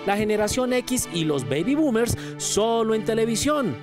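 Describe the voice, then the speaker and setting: A man's voice: sits high, very animated, moderate pace, music in the background. A man presenting a news segment, reading a scripted voice-over in an emphatic, punchy way.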